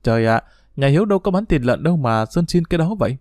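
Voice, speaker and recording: A man's voice: a little high, expressive, quick pace, darkish tone, no echo, soft background music, lightly acted. A man voicing a playful, teasing teenage schoolgirl, in a story read aloud, recorded dry. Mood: coy. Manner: teasing, coy.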